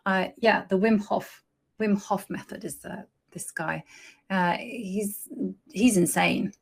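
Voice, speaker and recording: A woman's voice: mid-range voice, fairly even intonation, takes it slowly, gravelly, breathy edge. A woman streaming her chess games, chatting casually and thinking aloud as she plays. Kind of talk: casual live-stream commentary.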